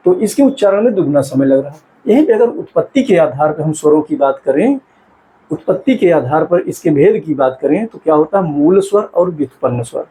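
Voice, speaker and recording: A man's voice: a little high, warm tone, low-quality recording. A man teaching an exam-prep grammar lesson. He asks questions and answers them himself, and he stretches out vowel sounds to show them. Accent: Hindi-speaking north Indian.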